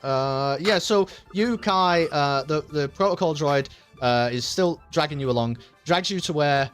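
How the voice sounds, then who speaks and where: A man's voice: fairly high pitch, a little slow, clear, resonant tone, soft background music. A man narrating as game master of a tabletop game, rambling loosely with many ums and laughs.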